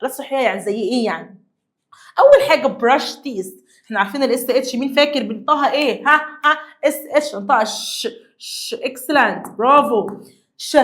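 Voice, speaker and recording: High-voiced Egyptian woman teaching English. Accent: Egyptian Arabic. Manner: lively, coaxing, repeats words slowly for pupils. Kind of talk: classroom lesson explaining vocabulary.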